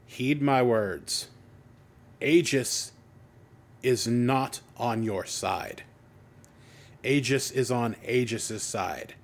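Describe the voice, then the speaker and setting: A man voicing a shadowy masked male rebel leader speaking through a distorted broadcast, slow and commanding. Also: mid-range voice. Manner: slow, grand, commanding speech.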